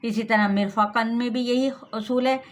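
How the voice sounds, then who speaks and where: Speaking with a Pakistani Urdu accent, a woman with a fairly high pitch and a steady tone gives a tajweed lesson that includes recitation. She works through the Quran recitation rules patiently, one step at a time, slowly drilling every sound.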